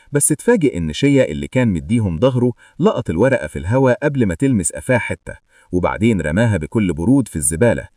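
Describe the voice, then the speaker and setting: A man with an Egyptian Arabic accent, narrating a manga story recap as a lively, joking storyteller. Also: lowish voice, no room sound, studio quality, far from the mic.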